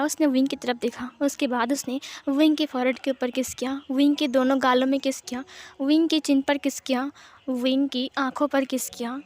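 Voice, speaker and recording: High-voiced woman narrating a romance story. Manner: simple, chatty narration with asides to listeners. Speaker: fan-fiction narrator.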